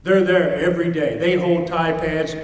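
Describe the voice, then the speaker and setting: A man with a fairly high, steady voice delivers a rousing pep speech to fighters at normal speed, emphatic and built around repeated short phrases. He's addressing an audience in a large indoor hall, captured on a distant mic with echo and a crowd present.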